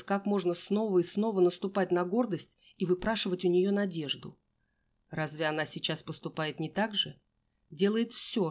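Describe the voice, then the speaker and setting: A woman reading a young-adult novel aloud as narrator, giving each character a voice of her own. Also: fairly low pitch. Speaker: audiobook narrator. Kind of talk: audiobook reading with acted dialogue.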